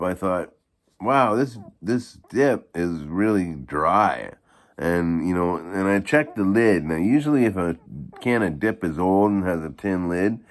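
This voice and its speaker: Man, extremely deep voice, gravelly fry, halting and rambling, casual vlog review. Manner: halting, rambling delivery with repeated false starts. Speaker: YouTube product reviewer.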